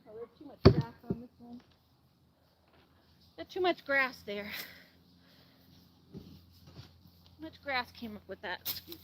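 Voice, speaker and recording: An animal channel host, a woman with a fairly high, expressive voice, chats to a live audience while shoveling compost in a farmyard garden. She sounds sniffly from allergies and rambles slowly, saying "like" a lot and leaving long pauses. The recording is very noisy.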